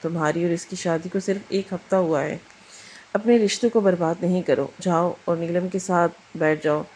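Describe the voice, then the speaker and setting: Stern older mother-in-law in a read-aloud storybook, firm and lecturing, low dark tone, read by a woman. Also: steady tone, a little hiss or hum, natural voice, low-quality recording.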